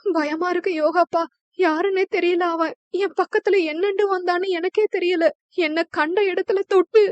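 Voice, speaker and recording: A woman's voice: very high-pitched, steady tone, normal speed, no echo, dull audio, voice pushed up. A woman voicing a frightened young woman who pleads through sobs in a storybook reading. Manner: pleading and sobbing.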